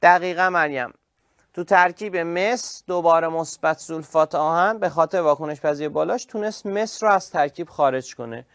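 Lively higher-voiced man teaching class. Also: no echo. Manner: lively, praising students by name. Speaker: chemistry teacher. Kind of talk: online class lecture.

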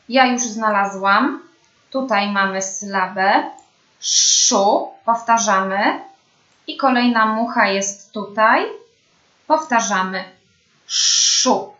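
Young woman speech therapist for a kids' lesson, slow and patient, slightly high voice, echoey muffled room. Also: fairly bright tone. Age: young adult. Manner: slow, clear, patient, addressing children. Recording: dull, roomy home recording.

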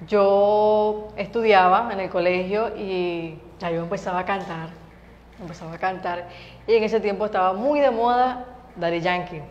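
A woman's voice: mid-range voice, steady tone, moderate pace, long reverb tail, muffled recording. A young Venezuelan woman singer chatting casually as an interview guest, laughing often and talking through lots of fillers. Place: TV studio set.

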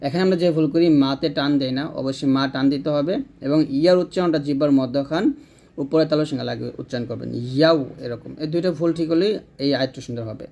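A man from Bangladesh, teaching Quran recitation by spelling out letters and vowel marks, then reciting slowly in a chanting tone. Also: on the high side, gravelly, darkish tone. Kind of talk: tajweed recitation lesson.

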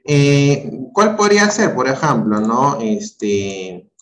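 A man's voice: mid-range voice, very animated, slow, echoey room. A male teacher giving an online class, patiently questioning and repeating his students' answers. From Peru. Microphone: video call.

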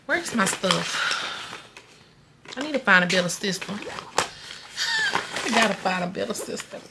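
In a casual vlog chat at home at night, a young woman with a mid-range voice speaks over background noise. She sounds tired and rambles, talking to the camera and to her dog, often drifting off into talking to herself.

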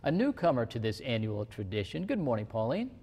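Male anchor, gravelly tone, scripted read, long reverb. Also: mid-range voice, sing-song, brisk, a little mellow. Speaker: news anchor. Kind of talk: studio news intro. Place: TV studio.

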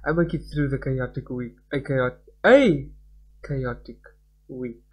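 A man's voice: mid-range voice, slow. A young man doing a casual let's-play, reading game text aloud and breaking off into rambling commentary. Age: young adult. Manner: rambling, self-interrupting. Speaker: gaming channel host. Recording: music behind the voice.

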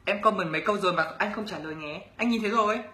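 In rapid-fire delivery, a young adult man with a high, pushed and bright voice answers viewer questions as a YouTuber on a casual livestream, reading comments aloud and teasing his audience. He comes from Bac Ninh, northern Vietnam, and has a Northern Vietnamese accent. The recording sounds roomy.

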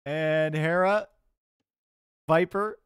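Speaking very slowly in a smooth, slightly high voice, a Canadian esports caster gives chatty live commentary with jokes, chat banter, and dry sarcasm. He still shouts loudly and excitedly in tense moments, and there's no echo.

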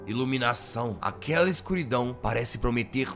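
A man voicing an old, weary male elder bug in a game dub, speaking slowly and gravely. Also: medium pitch, lively intonation, lightly acted. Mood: solemn. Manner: slow, grave storytelling. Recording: game audio with clear music behind.

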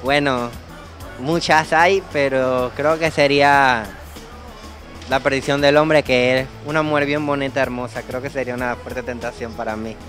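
A man from Panama, a singer, answering interview questions in a relaxed way in a café. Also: mid-range voice, moderate pace, faint music behind. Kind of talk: casual interview. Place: crêpe café.

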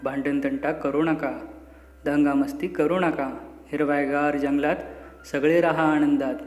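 A man voicing a gentle, welcoming old mountain with a fatherly manner in a children's storybook reading. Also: fairly high pitch, flat delivery, measured pace, close to an everyday voice. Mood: kindly. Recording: echoey room, faint music behind.

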